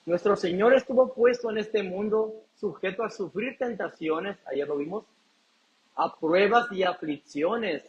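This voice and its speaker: Male pastor, high voice, preaching with call-and-response questions; muffled lo-fi sound. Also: a little slow, a little hiss or hum. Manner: preaching, asks the congregation questions and answers them. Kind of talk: sermon.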